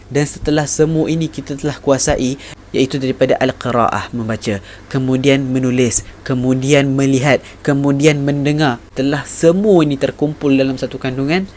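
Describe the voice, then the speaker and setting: A man's voice: medium pitch, a little hiss or hum. A man from Malaysia giving a casual lesson, repeating phrases for emphasis and reciting Arabic sayings. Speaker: vlogger teaching Arabic. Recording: loud music bed behind voice.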